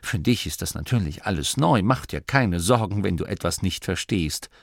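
A man's voice: low voice, expressive, normal speed, gravelly, no echo, studio quality, heavily acted. A man voicing a nervous, fussy little male gnome guide who stammers when frightened, read in an audiobook.

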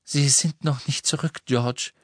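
Ein Mann, der in einem Hörbuch eine besorgte Mutter mittleren Alters spricht, leise und den Tränen nahe. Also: male voice, medium pitch, steady tone, unhurried, no echo, studio quality, voice pushed up, close to an everyday voice. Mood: tender. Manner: soft, tearful. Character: worried middle-aged mother, tender.

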